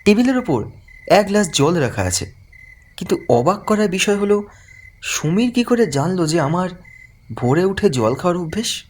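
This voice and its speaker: Playing a terrified young man recalling a haunted house, a man uses a high, very animated voice with a darkish tone. He narrates at a moderate pace with long pauses, dramatic and suspenseful, over background music.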